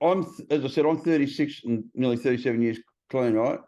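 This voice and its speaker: A man's voice: medium pitch, quick pace, mellow. A man in casual conversation, speaking bluntly and swearing freely as he acts out other people's voices. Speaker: podcast host. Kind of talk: casual chat. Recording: slightly dull lo-fi sound.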